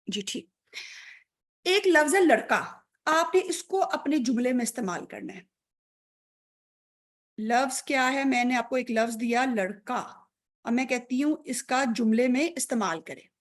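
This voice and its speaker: High-voiced woman teaching grammar. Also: pauses often. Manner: patient, checks understanding often, praises students; mixes English terms into Urdu speech. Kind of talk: online grammar class.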